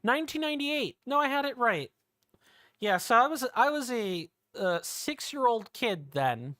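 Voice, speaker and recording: This thirtysomething streamer from the United States plays a game and chats casually, musing aloud, rambling and self-correcting. Their medium-pitched, somewhat bright voice swings widely in pitch at a measured pace, captured in clean studio sound with no echo.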